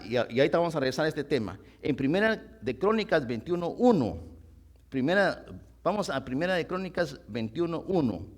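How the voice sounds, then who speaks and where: A man leading a church Bible study, asking the congregation questions and repeating phrases for emphasis. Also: a little high. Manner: asks the congregation rhetorical questions.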